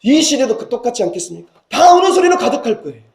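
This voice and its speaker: High-voiced impassioned pastor preaching. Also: male voice, very animated, quick pace. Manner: impassioned preaching that swings from hushed to loud cries. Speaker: senior pastor. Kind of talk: sermon. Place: church sanctuary. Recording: roomy church hall sound.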